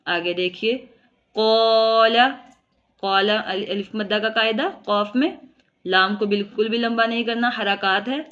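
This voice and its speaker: A woman teaching tajweed. She explains each rule step by step and recites words slowly and drawn out. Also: medium pitch, steady tone, a bit bright, lo-fi sound. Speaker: Quran teacher. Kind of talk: tajweed lesson.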